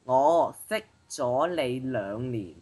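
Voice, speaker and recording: A young woman with a low voice and very lively intonation speaks with a Hong Kong Cantonese accent. She is the informal, playful partner in a casual challenge video. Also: slow pace. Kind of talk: casual chat, reading out challenge phrases.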